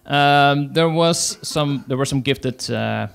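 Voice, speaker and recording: A man from the Netherlands, an agile coach, gives a conference talk in a gravelly, mid-range voice with a Dutch accent. He comes across as hesitant, with many fillers and pauses.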